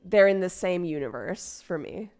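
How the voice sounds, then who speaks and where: Expressive woman streamer chatting casually. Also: on the low side, moderate pace, faint music behind. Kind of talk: casual chat.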